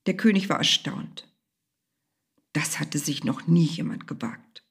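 A woman's voice: deep voice, animated, a little slow, creaky, breathy edge. A woman narrating a storybook tale expressively, sometimes dropping to a whisper.

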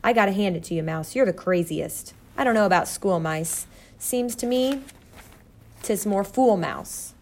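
A woman's voice: mid-range voice, expressive, measured pace, darkish tone. A woman voicing a sardonic male rabbit who talks in slang and mocks, in a storybook reading. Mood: mocking. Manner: slangy, mocking.

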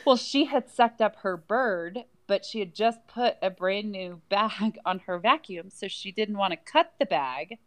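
A woman's voice: medium pitch, unhurried, few pauses. Playful woman telling casual anecdotes. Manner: animated storytelling, quotes others, playful. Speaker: podcast guest.

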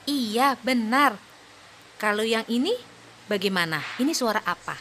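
An animated woman with a voice on the high side plays a cheerful young mother in a children's audio drama, amid background noise. She speaks slowly and patiently to her two little girls, praising and encouraging them.

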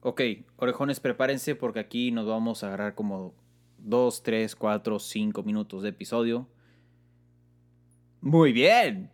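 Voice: mid-range voice, a little slow. A co-host, chatting casually and joking with their co-host. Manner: playful, laughing, joking. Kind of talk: casual podcast chat.

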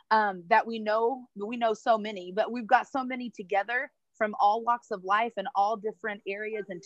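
A woman's voice: medium pitch, no echo, muffled recording. A woman who leads a women's ministry, talking enthusiastically and chattily on a video call from a marketplace. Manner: enthusiastic and chatty, quick asides. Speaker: ministry leader. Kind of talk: casual livestream chat.

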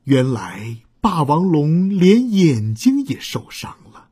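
A woman reading a children's story aloud, expressive and acting out the sound effects. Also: deep voice, slow pace, slightly rough.

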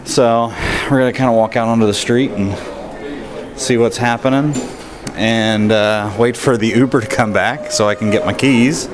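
A man's voice: medium pitch, fairly even intonation, normal speed, a crowd in the background. A man hosting an informal spoken audio diary, chatting casually and noting the time as he goes. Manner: informal, often recapping the time and day. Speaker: host of an audio travel diary. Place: on the move through hotel lobbies and streets. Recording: handheld recorder with clear ambient noise.

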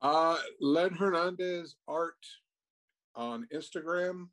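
A man from Texas, a podcast guest talking in an easygoing, halting way with casual swearing. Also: fairly high pitch, fairly bright tone, poor audio. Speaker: guest, tattoo artist. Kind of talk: casual interview chat.

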